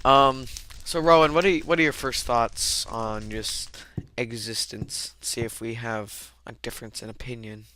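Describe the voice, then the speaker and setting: A man's voice: mid-range voice, fairly even intonation, a little slow, bright, forceful tone, a little hiss or hum. A young man co-hosting a casual philosophy chat, hesitant and full of ums and restarts. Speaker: co-host.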